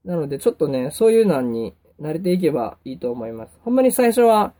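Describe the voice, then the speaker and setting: A young man with a Kansai accent, hosting a casual solo podcast and chatting in a relaxed way with lots of fillers. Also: fairly high pitch, quick pace. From Kansai, Japan. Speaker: podcast host.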